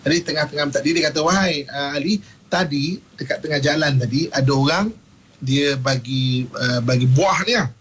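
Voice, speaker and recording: Male radio preacher with Malaysian accent, slightly high pitch, animated storyteller, light background noise. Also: moderate pace, poor audio. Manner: animated storyteller, acts out quotes, laughs often. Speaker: religious teacher on radio. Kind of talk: radio religious talk with storytelling.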